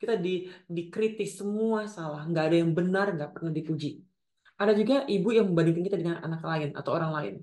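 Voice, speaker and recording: A woman's voice: on the low side, quick pace, mellow, reverberant. A woman teaching at a women's ministry gathering, earnest and repeating key phrases for emphasis. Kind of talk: teaching talk at a church event.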